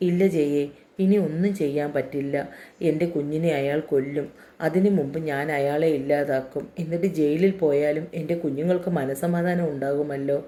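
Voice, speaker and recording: A woman's voice: low-pitched, fairly even intonation, moderate pace, dark tone, close to an everyday voice. A woman reading a story, voicing a desperate mother pleading in despair. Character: grieving, desperate mother of a daughter.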